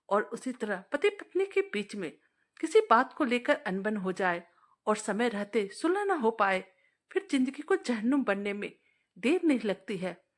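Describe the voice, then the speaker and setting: Lady reading a moral story, expressive and preachy, highish voice, swings up and down a lot. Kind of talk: scripted story narration.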